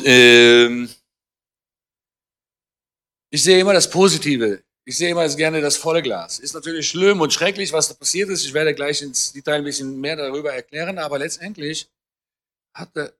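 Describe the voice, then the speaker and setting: Addressing a church congregation as a guest speaker on Israel, this man in his fifties, originally from Germany, has a fairly high, fairly bright voice. He cites scripture and slips in gentle jokes, keeping things earnest and chatty while frequently pausing to rephrase or correct himself.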